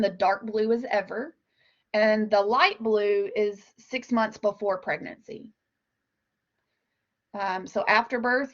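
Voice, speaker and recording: A woman gives an explanatory slide presentation, walking through figures point by point in a measured way. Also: mid-range voice. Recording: dull, lo-fi online meeting audio.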